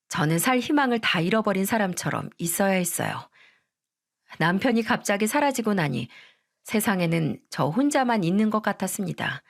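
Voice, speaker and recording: A woman narrating a first-person story in an earnest, confessional way. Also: medium pitch.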